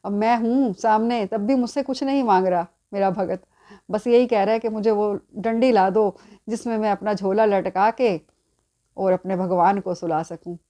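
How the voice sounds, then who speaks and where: A gentle male deity speaks fondly and with quiet amusement, as a woman storyteller voices him. The tone is warm and mellow, unhurried and tender. It is part of a spoken devotional tale. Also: medium pitch, steady tone, close to an everyday voice. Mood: affectionate.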